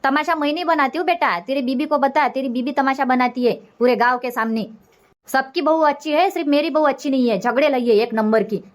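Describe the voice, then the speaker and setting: Nagging cartoon mother-in-law, acted by a woman, high voice, scolding, complaining, middle-aged village matriarch. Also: fairly quick, natural voice.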